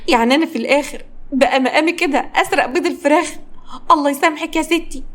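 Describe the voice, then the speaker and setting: Woman acting a whiny young guy protesting, Egyptian accent, high. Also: racing, close to an everyday voice. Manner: whining, protesting. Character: young man, whiny and indignant.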